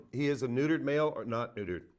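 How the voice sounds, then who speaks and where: A man hosts a phone-in radio show as a veterinarian, taking calls and giving casual, folksy advice. He repeats himself and peppers his talk with "uh" and "okay?" check-ins. His mid-range voice has lively intonation and a brisk pace.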